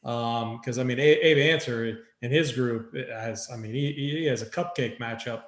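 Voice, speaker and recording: A man with a medium-pitched voice at normal speed hosts a fantasy golf picks show, working through his sports betting choices in an informal, conversational way. The recording has a roomy echo.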